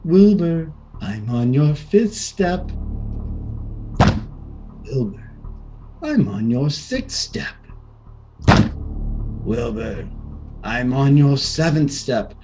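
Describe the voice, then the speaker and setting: A man voicing a menacing male ghost who draws out his words slowly. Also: lively intonation, very noisy. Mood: creeping. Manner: slow, drawn-out, low menacing calls. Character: menacing male corpse ghost, slow and hollow.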